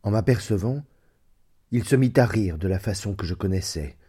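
A man narrating a story aloud as an audiobook in a measured, even way. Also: lowish voice, breathy edge. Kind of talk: audiobook reading.

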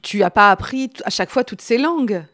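A woman hosting an interview, talking in a measured, thoughtful way with occasional fillers. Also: fairly high pitch, lively intonation, a bit bright, no echo, clean studio sound. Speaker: host.

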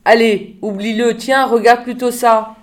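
A woman reading a storybook voices a practical teenage girl who talks briskly and sharply. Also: fairly high pitch, steady tone, close to an everyday voice. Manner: brisk, acerbic.

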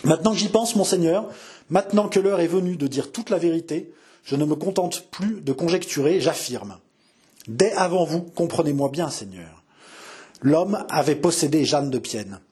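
Brief: a man playing a spiteful young nobleman in a read-aloud story, sly and mocking, pitched high and raspy. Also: expressive, moderate pace, warm tone. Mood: insinuating. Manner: sly, mocking, hissing with hatred. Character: scheming younger noble brother, venomous.

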